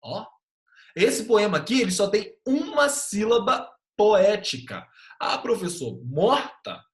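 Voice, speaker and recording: A man teaching an online class in a lively way, often checking in with quick tag questions. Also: high-pitched, reverberant.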